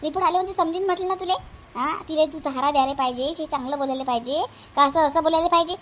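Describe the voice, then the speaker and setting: A woman voicing a calm, reassuring village neighbor woman who repeats herself firmly. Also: sits high, very fast, slight background noise. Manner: reassuring, firm, repetitive.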